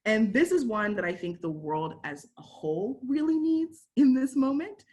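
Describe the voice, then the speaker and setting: A woman's voice: on the high side, very animated, normal speed, darkish tone. A young woman speaking earnestly and reflectively as a panelist, with frequent casual fillers. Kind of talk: panel talk on identity.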